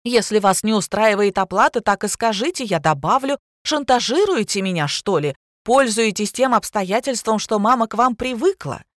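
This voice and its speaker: A woman doing a haughty, shrill woman. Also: expressive, moderate pace, hardly any pauses, dry recording, studio quality, natural voice. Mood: indignant. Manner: shrill, indignant, imperious. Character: loud, haughty middle-aged woman, indignant employer.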